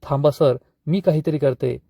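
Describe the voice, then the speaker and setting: Soft pleading young woman, read by a man with a warm, fairly high voice. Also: fairly even intonation, moderate pace, creaky, no echo. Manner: pleading, soothing.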